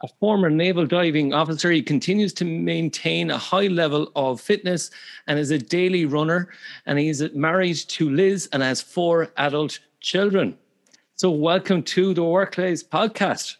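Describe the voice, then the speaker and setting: A man's voice: fairly high pitch, moderate pace, gravelly. A man with an Irish accent hosting a podcast interview in a conversational way. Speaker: podcast host.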